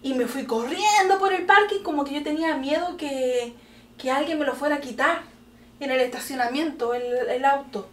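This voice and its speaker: A middle-aged Chilean woman tells a story in a high, bright voice, bursting into laughter and exclamations along the way. She sounds a little distant from the mic, in an echoey room. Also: moderate pace, a little hiss or hum. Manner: animated, laughing often, exclamatory. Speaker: podcast host telling a story to her daughter. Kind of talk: casual storytelling chat.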